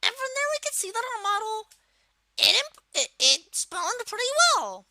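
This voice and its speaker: Squeaky bratty male cartoon koopa voice, super high and swoopy, doing a halting tutorial. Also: sing-song, sharp tone, a little hiss or hum, exaggerated voice. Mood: explaining, halting. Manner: halting, thinking aloud, self-correcting. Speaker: tutorial host. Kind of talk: software tutorial, casual and unscripted.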